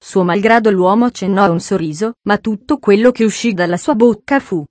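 A woman narrating an audiobook in a steady storytelling manner. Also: mid-range voice, a little fast, dry recording. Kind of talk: scripted narration.

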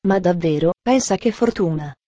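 A woman reading the part of a grumpy, bedridden older man in an audiobook, gruff and sarcastic. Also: on the low side, lively intonation, moderate pace, dark tone, no echo.

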